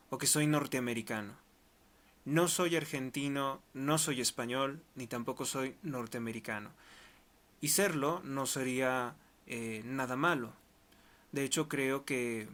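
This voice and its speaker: A man's voice: mid-range voice, fairly bright tone. Insistent man. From Mexico. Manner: emphatic, insistent, repeats points in short clauses. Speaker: political commentator. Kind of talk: monologue to camera.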